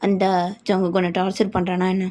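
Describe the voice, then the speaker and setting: A woman's voice: mid-range voice, monotone, fast talker, dark tone, lightly acted. A woman voicing an evasive, dismissive middle-aged father. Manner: dismissive, firm.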